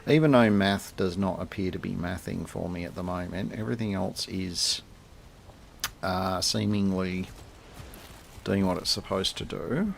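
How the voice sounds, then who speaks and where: A man's voice: sits low, steady tone, unhurried, creaky, slight background noise. An Australian man giving casual, rambling commentary as he plays a game, thinking aloud and chatting to the animals on screen. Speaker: game streamer.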